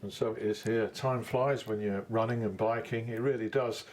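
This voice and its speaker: A man hosting an interview, asking brisk questions and keeping the guests talking. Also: lowish voice, steady tone, noisy background. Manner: brisk questions, short backchannels. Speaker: interviewer, host. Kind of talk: interview chat.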